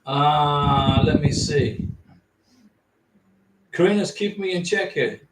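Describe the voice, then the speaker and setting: A fairly high-voiced man takes his time on a casual livestream, slowly reading viewers' questions aloud and answering them plainly. He sounds far from the mic in an echoey room, and the roomy recording carries clear background noise.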